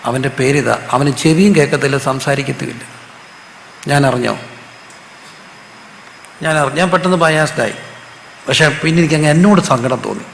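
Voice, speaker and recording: A man's voice: mid-range voice, moderate pace, vocal fry, long pauses. Man, pastor, call-and-response sermon, long hall reverb, faint background noise. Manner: asks the congregation questions and has them repeat answers.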